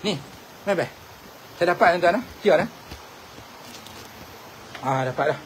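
A middle-aged man tells an old story, circling back over the same phrases and turning often to speak straight to his listeners. His voice sits a little high, and a faint hiss runs underneath it. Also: measured pace, poor audio. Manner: repetitive, animated storyteller addressing listeners as tuan-tuan. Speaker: religious teacher and traditional healer. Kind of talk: casual storytelling to viewers.

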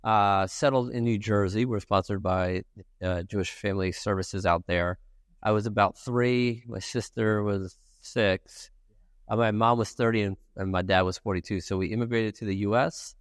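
A Ukrainian man in his forties, whose first language is Russian, earnestly answers questions as a podcast guest in a casual interview. Set in a bright office with a lounge area, his voice sits on the low side with fairly even intonation and normal speed, recorded dry with clean studio sound.

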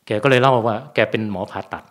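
A man's voice: lowish voice, fast talker, fairly bright tone. A man, a Buddhist monk, giving a casual Dharma talk at a temple. He speaks conversationally and often stops to ask his listeners rhetorical questions.

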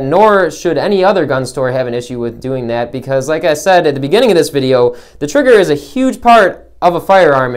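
A young man who works as a gun store salesman, talking casually to his viewers in a rambling way, with many fillers and restarts. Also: on the high side. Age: young adult. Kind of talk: casual vlog talk.

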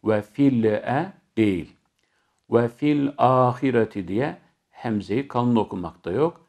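A man teaching Quran recitation, explaining each letter step by step and then chanting the verses slowly. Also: medium pitch, a little mellow.

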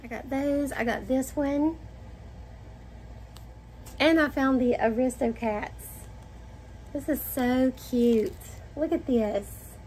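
High-voiced Southern woman gushing over a haul. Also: takes it slowly, pauses often, slight background noise. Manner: gushing, excited, showing items to camera. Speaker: vlogger. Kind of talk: haul video chat. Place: home dining room, indoors.

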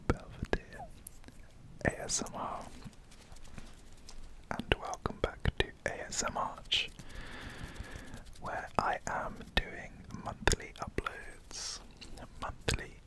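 A man in his twenties speaks in an unvoiced ASMR whisper. He is right up on a sensitive microphone and takes his time, repeating words and short phrases at a very slow pace. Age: 20s. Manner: whispering very close to the mic, slow and repetitive. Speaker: ASMR video creator. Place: small domestic room, indoors. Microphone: close sensitive mic with fluffy cover.

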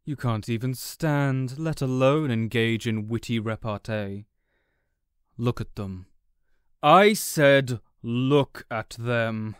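This is villain acting for an audio roleplay: a man plays a contemptuous, smug supervillain taunting a beaten rival with scornful, deliberate, condescending theatrics. His mid-range voice has a clean tone and sounds natural, and the clean studio recording has no echo.

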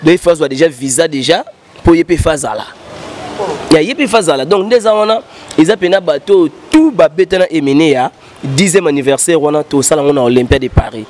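A man's voice: fairly high pitch, lively intonation, darkish tone, slight background noise. A man in his thirties telling rambling stories in an interview, switching between French and Lingala, speaking into a handheld mic outdoors. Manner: gestures broadly, mixes French and Lingala in fast rambling recollection. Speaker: interviewed musician. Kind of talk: animated storytelling interview. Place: outdoor studio set with painted backdrop. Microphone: handheld mic held by interviewer.

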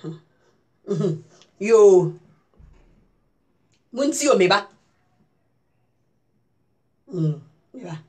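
A woman's voice: mid-range voice, lively intonation, very slow, long pauses, darkish tone, slightly rough. A woman from Ghana giving casual, emphatic news commentary and speaking directly to her viewers as a vlogger.

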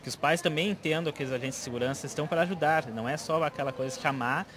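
A man's voice: fairly high pitch, rapid-fire. A young man, a municipal guard giving spontaneous interview answers into a handheld microphone outdoors. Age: young adult. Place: outdoors in a school courtyard. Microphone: handheld reporter microphone. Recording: busy outdoor schoolyard chatter behind.

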